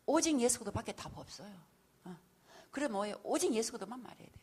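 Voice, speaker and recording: A woman's voice: fairly high pitch, quick pace, husky. A middle-aged woman teaching an evangelism class, telling stories and acting out quoted voices. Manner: animated storytelling, acting out quotes, frequent laughs. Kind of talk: lively sermon lecture.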